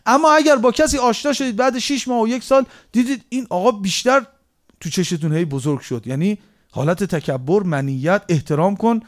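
A man with a high voice delivers a sermon. He fires off rhetorical questions one after another, then sinks into soft, low passages. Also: lively intonation. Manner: rhetorical questioning, swinging from raised reproach to low quiet tones. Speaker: preacher.

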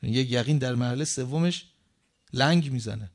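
A man preaching a sermon, full of rhetorical questions, with slow, measured recitation of scripture and strong swings in emphasis. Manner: emphatic swings in pitch and loudness.

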